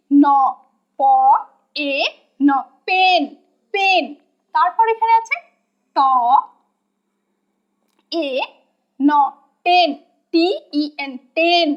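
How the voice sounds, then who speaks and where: High-voiced woman teaching phonics. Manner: slow, spells words letter by letter; asks questions and answers them herself. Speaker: English teacher. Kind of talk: phonics lesson. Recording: dull lo-fi sound.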